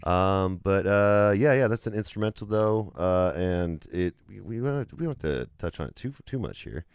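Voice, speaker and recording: Chill guy with a real low smooth voice, hosting a music chat, dry close sound. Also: animated, moderate pace, no echo. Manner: laid-back, many fillers and "yeah, yeah" agreements. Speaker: podcast host. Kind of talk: casual chat about a soundtrack.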